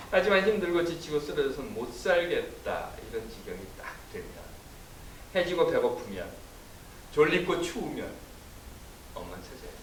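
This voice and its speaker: A man preaching a sermon as pastor, telling the story in an animated way and acting out cries and inner thoughts. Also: a little high. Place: church sanctuary. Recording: echoey church room, mic from a distance, faint hiss.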